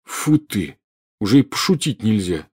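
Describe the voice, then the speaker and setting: A man's voice: lowish voice, normal speed, breathy edge. A man voicing a cheeky, joking teenage wizard boy. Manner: cheeky, lively.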